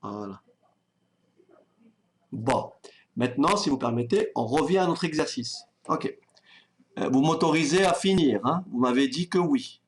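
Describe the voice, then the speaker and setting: Male maths teacher, slow and calm, patient, checks in with his students as he works. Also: medium pitch. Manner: calm, patient, thinks aloud while writing; talks directly to students, checks they follow. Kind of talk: online exam-prep lesson.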